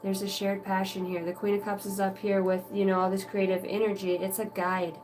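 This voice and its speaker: A woman's voice: medium pitch, flat delivery, a little fast, darkish tone. A woman doing a live tarot reading for viewers, talking casually with lots of fillers and the odd swear word, over faint music. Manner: casual, rambling, many fillers and mild swearing. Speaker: tarot reader.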